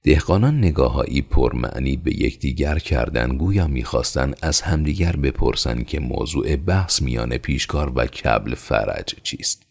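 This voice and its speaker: A man reading a novel aloud as an audiobook narrator, in a steady, measured manner. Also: a bass voice, vocal fry.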